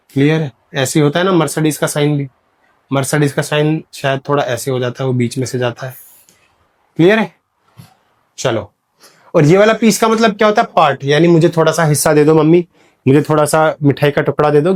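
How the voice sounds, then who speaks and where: A man teaching English vocabulary in Hindi. He asks the class questions, says "clear hai?" often, calls students "beta", and reads English example sentences slowly. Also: on the high side. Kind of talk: classroom lecture.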